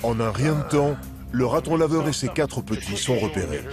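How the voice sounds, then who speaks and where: A man's voice: mid-range voice, animated, moderate pace. A man reading scripted narration for a nature documentary. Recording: music behind the voice.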